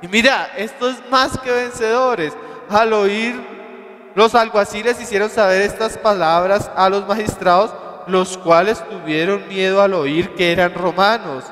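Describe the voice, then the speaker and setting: A man with a Colombian Spanish accent preaching a sermon, reading scripture slowly and then explaining it with emphasis and rhetorical questions to his listeners. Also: high voice, fairly even intonation, fairly bright tone. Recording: long hall reverb.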